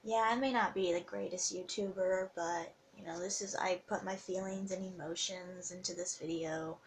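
A young woman talking to her viewers in an emotional confessional vlog, heartfelt and halting, close to tears. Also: on the low side, fairly even intonation, slight background noise. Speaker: vlogger.

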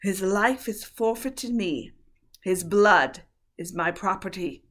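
A woman voicing a cold, cruel and imperious witch queen, shrill and sneering. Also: slow, fairly bright tone. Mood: menacing.

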